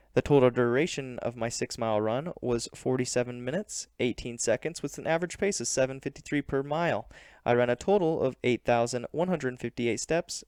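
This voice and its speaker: A man with a smooth, clean voice narrates his vlog in a plain and measured way. The sound is dry and close, with little room to it. He reports earnestly, like someone giving a personal recap of his training. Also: medium pitch, a little mellow, no room sound. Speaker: running vlogger.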